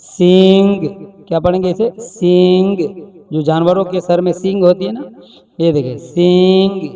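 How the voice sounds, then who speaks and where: A man leads a slow beginner reading lesson, sounding out each word and asking the listener to read it back. His voice is high and mellow, and he sounds set back from the microphone. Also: fairly even intonation, far from the mic. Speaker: teacher.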